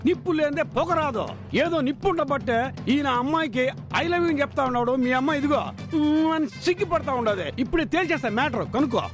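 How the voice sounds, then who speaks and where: An actor playing a hard-of-hearing older father, loud, scolding and comic, over background music. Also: very high-pitched, expressive, quick pace. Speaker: bride's father.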